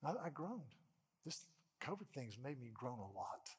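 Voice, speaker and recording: A man preaching a sermon as pastor, stammering over repeated words as he presses a point and dropping from loud to hushed. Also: medium pitch, big pitch swings, normal speed, breathy edge, in a large hall.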